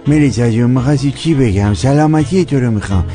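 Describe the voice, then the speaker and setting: A man's voice: medium pitch, over music, close to an everyday voice. A man dubbing a boastful, lovestruck character in a TV drama. He talks in a pleading, teasing, theatrical way. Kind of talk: dubbed TV drama acting.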